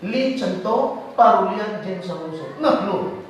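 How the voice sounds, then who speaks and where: Loud high-voiced joking preacher. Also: male voice, slow, slight background noise. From Batak, North Sumatra. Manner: loud, animated, joking, shouting. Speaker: pastor. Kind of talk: lively preached sermon. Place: large church hall. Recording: echoey church hall from far off.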